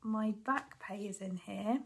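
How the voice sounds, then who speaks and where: British woman, hoarse with a cold, slow gravelly voice, slightly breathless, soft whispery counting. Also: medium pitch. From United Kingdom. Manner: apologetic, often drops to a whisper while counting cash. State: a bit out of breath. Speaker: budgeting vlogger. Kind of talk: casual chat to camera.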